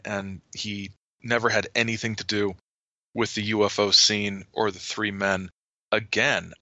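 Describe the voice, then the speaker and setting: A man's voice: on the low side, bright, forceful tone, no echo, highs cut off. A man chatting casually as an author and podcast guest, rambling and often repeating words as he starts a sentence. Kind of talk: casual storytelling chat.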